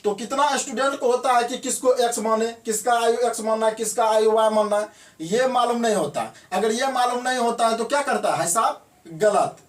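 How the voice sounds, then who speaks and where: A man with a very high-pitched voice teaches math in a classroom at normal speed, far from the mic, his voice echoing around the room. In this lesson he repeatedly asks a question and then answers it himself, saying the key words twice.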